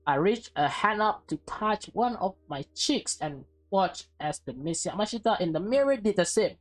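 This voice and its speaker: This let's play host is a woman reading a visual novel aloud at a moderate pace. Her mid-range voice is expressive, broken up by casual side remarks.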